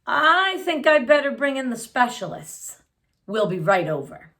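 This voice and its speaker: A woman's voice: high voice, big pitch swings, sharp tone, exaggerated voice. Woman as fussy, ponderous male family doctor. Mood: pondering. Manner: ponderous, mumbling, listing things deliberately.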